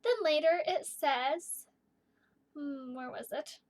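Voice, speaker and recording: A woman's voice: high-pitched, slow pace. A woman in her thirties teaching young children in a broad singsong, explaining simply and stressing sounds as she goes. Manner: simple explanations with emphasized, repeated sounds and questions. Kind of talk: children's poetry lesson with read-aloud.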